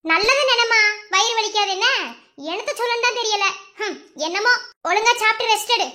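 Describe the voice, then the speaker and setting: A woman's voice: very high voice, fairly quick, sharp tone. A woman with a Madurai Tamil accent voicing a bossy, mocking young village daughter in a cartoon, chiding in a sing-song way. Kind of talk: cartoon voice acting.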